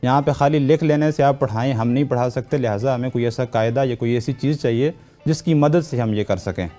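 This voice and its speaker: Pakistani man patiently explaining, warm tone. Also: mid-range voice, soft background music. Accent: Pakistani Urdu. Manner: patient, instructive, repeats key points. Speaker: Quran teacher and guest. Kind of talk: explanatory talk-show interview.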